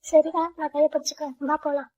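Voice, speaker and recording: A woman's voice: high-pitched, level tone, quick pace, dark tone, close to an everyday voice. A woman voicing a protective older sister figure who reassures the younger girls. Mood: curious. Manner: reassuring, motherly. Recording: dull lo-fi sound.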